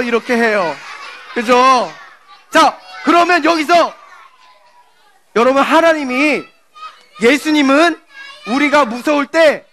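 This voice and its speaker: A woman serving as a children's pastor gives an animated children's sermon. She tells a story, asks the children questions and acts out the scenes. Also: sits high.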